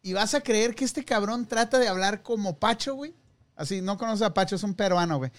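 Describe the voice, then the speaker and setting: A Mexican man hosting a loose podcast conversation. He tells joking stories full of slang. His voice is pitched high for a man. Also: a little fast. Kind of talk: casual chat.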